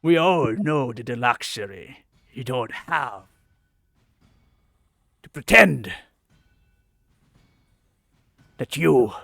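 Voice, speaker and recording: A man voicing a sly, boastful hobgoblin mercenary in a tabletop game, gravelly, with haughty, mocking, drawn-out taunts. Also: medium pitch, fairly bright tone, dry recording, exaggerated voice. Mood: sly mockery.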